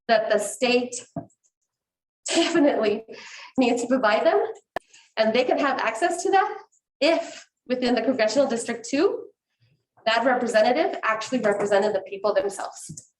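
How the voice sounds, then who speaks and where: A woman addressing a public meeting with earnest, emphatic testimony. Her voice sits slightly high and she stresses important words. The sound is echoey with faint background noise, as in a large meeting room. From New Mexico. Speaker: community organization director giving public comment.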